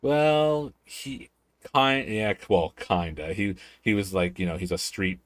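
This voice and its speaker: A man's voice: lowish voice, slow, no echo. A man running a tabletop game as game master over voice chat, hesitant and thinking aloud. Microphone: home mic on voice chat.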